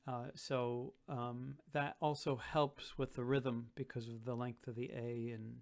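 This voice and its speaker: A man teaching a song lesson, thinking aloud and reciting verse lines slowly with careful stress. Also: medium pitch, little pitch movement, gravelly. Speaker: Gaelic song tutor. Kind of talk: relaxed spoken lesson with slow recitation.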